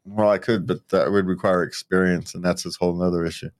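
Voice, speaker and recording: A man's voice: low-pitched, fast. An older man co-hosting a podcast, chatting casually and laughing often. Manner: relaxed, joking, laughs often. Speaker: podcast co-host. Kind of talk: casual chat.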